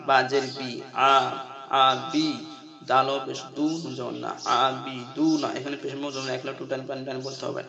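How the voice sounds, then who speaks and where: A man with a voice of middling pitch teaches a scripture reading lesson, breaking each word into its letters and vowel marks. Between the spelled-out parts he chants the verses, rising high and stretching the sounds long. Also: vocal fry, lo-fi sound. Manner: spells out syllables slowly, then chants verses in a high, drawn-out melody.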